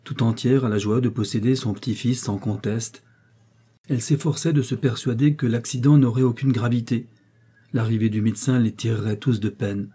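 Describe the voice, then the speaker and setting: A man narrating a novel as an audiobook, with a steady, expressive literary reading. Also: medium pitch, slightly rough.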